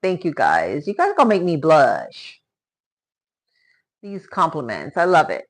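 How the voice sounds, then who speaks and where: Her pitch swooping wildly but her pace measured, a lower-voiced woman hosts a cooking live stream from home. Spanish-born of Cuban parents and Florida-raised since age ten, she chats with viewers, exclaims, and thanks them as she cooks.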